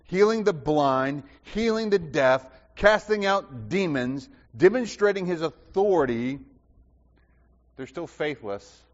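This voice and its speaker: A pastor preaches a sermon slowly and with impassioned, swooping delivery, stacking repeated phrases and sinking to near whispers before rising loud again. His voice is slightly higher than most men's, and the dull recording carries a long reverb, as in a large church.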